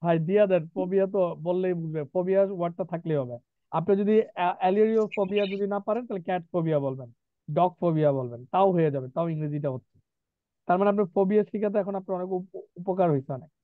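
An English teacher with a high-pitched voice speaks fast in an online vocabulary class, drilling spellings and pronunciation between chatty asides. The recording is dry and tinny, like an online call.

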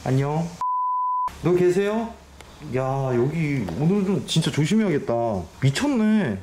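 A man's voice: fairly high pitch, measured pace. Jumpy man hosting a ghost hunt. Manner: excitable, jumpy, talks to spirits aloud. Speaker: ghost hunting channel host. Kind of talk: ghost hunting vlog. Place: abandoned two-story house, indoors. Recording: echoey empty house with loud noise.

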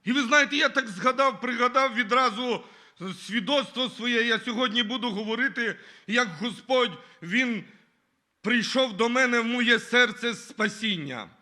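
A man's voice: extremely high pitch, moderate pace, sharp tone. A man giving his testimony at a church service, earnestly reading scripture and often calling the listeners brothers and sisters.

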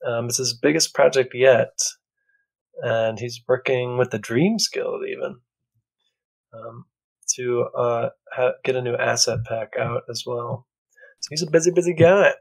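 A man's voice: mid-range voice, unhurried, creaky, slightly rough, rough recording. A young man co-hosting a casual gaming podcast, upbeat and enthusiastic with hesitant ums. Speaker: podcast co-host.

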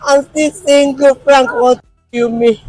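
A woman's voice: high voice, little pitch movement, slow pace, darkish tone, no room sound, faint music behind, rough recording. An actress playing a jilted woman who paid for her lover to go abroad, pleading and wailing, in an outdoor skit drama. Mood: grieving. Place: outdoor compound.

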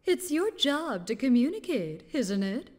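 An actress voicing a haughty female news chief in a video game, speaking in a slow, condescending drawl. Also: sits high, sing-song, a little mellow, heavily acted. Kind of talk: game voice acting.

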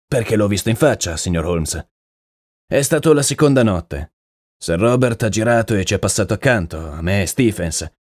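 A man's voice: lowish voice, a little mellow, no room sound, clean studio sound. A man voicing an earnest, uneasy male horse trainer in an audiobook, talking plainly and deferentially. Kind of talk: audiobook character reading.

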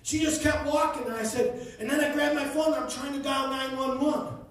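A man preaching a sermon, telling a story with rising passion until he shouts. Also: extremely high pitch, steady tone, fairly quick. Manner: impassioned, builds to shouting. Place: church sanctuary. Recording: echoey church from far off.

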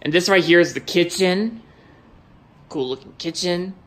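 Taking his time, a young man with a high-pitched, fairly bright voice shows off his new house in a casual phone-filmed tour, holding the camera off screen as he moves room to room. His talk rambles, with many words repeated and sentences restarted.

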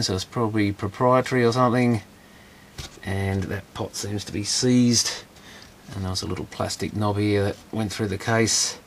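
A man's voice: on the low side, slight background noise. A man casually talks through a computer teardown at his workbench, thinking aloud as he goes. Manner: thinking aloud, hedging guesses. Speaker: electronics repair host. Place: workshop bench, indoors.

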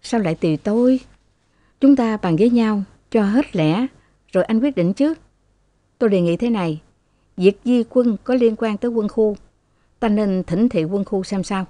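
A woman's voice: mid-range voice, moderate pace, dark tone, no echo, natural voice. A woman narrator reading the dialogue of firm, reasoning male army officers in a storytelling manner. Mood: firm, persuasive. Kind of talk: novel dialogue read by narrator.

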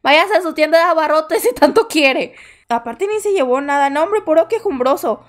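Woman doing a rude, grumbling shop clerk for a game, very high-pitched and scornful. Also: animated, normal speed. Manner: scornful, complaining.

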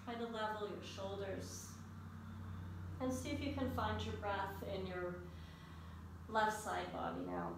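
A woman leading a yoga class as the instructor, in a calm, unhurried, soothing guiding delivery. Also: medium pitch, gravelly. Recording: echoey room, distant mic, faint noise.

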